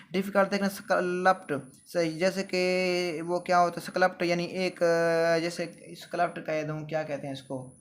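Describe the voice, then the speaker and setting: A man runs a relaxed vocabulary class. He reads long lists of synonyms at an uneven pace and often wanders off into homely asides. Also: on the high side. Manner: chatty, digressive, drawn-out word lists. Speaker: teacher. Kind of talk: casual vocabulary lesson.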